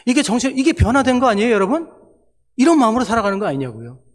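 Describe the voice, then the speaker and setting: A middle-aged man preaches a sermon in a church, and his voice trails off in a long reverb. He talks quickly in a high register, and he acts out the quoted lines of his own stories with animation. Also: sing-song. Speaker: missionary preacher. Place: church sanctuary.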